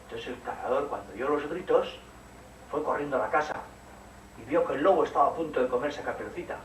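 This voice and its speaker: A man working as a psychomotor therapist, gently telling a story and playing with a child, often asking questions. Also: mid-range voice, lively intonation, quick pace. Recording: roomy room, distant mic, noisy.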